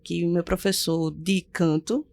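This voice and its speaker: A middle-aged woman pastor telling her personal testimony in a casual interview, animated and playing out the voices of people in her story. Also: on the low side, unhurried, gravelly, dry recording. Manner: animated storyteller who acts out quoted voices and laughs often. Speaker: pastor, podcast guest.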